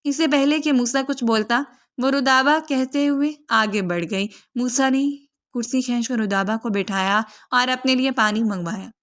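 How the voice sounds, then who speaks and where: A woman reading a romantic novel aloud in scripted narration, with steady storytelling. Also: on the high side.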